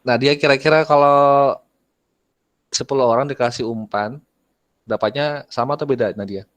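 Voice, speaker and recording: A man teaching an online class, talking casually, asking his students questions and often clearing his throat. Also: medium pitch, fairly even intonation, moderate pace, fairly bright tone, no echo.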